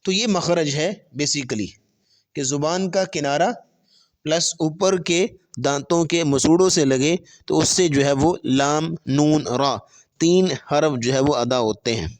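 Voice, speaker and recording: A man teaching Quran pronunciation, explaining step by step and stretching letters slowly in drills, with English terms mixed in. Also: a little high. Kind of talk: tajweed lesson with spoken drills.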